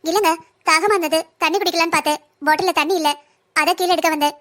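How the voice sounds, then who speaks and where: A woman's voice: very high-pitched, fairly even intonation, fast, a bit bright. A woman voicing a firm, righteous young wife in a cartoon, speaking sternly. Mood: puzzled. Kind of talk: cartoon voice acting.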